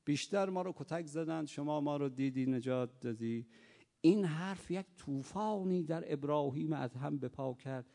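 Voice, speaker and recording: A man preaching a sermon, telling stories and moving from soft speech to loud emphatic cries, in a reverberant hall. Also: fairly high pitch, gravelly. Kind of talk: sermon with storytelling.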